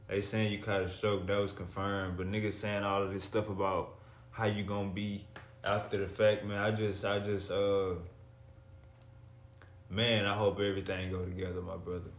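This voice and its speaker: Low-voiced man in an echoey room. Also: level tone, moderate pace. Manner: street slang, short declarative phrases. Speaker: podcast co-host. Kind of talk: casual podcast chat.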